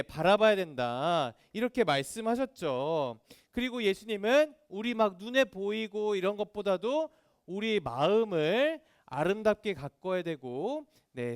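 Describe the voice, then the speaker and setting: A man's voice: high voice, clear, resonant tone, no echo, studio quality. A man giving a children's sermon, asking the kids questions and acting out voices. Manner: animated, asks children questions; acts out quoted voices. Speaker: children's ministry preacher.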